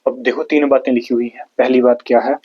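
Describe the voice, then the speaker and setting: A man's voice: medium pitch, flat delivery, fast talker, breathy edge, muffled recording. A man from India with a Haryanvi accent, teaching an exam-prep lecture, explaining step by step and asking and answering his own questions.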